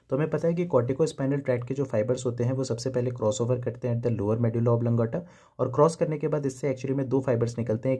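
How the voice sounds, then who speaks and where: A young man teaches a physiology lesson in a very dark, mellow voice with a slightly husky edge. He explains step by step and keeps returning to the key terms. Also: medium pitch. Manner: explains step by step, repeating key terms, mixing English medical terms into Hindi. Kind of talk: recorded video lecture.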